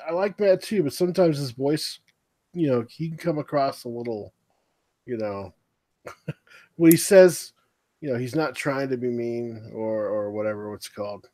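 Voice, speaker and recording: A man's voice: mid-range voice, unhurried, mellow, dry recording. A man chatting casually as a streamer, rambling conversationally and often trailing off. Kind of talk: casual chat on a livestream.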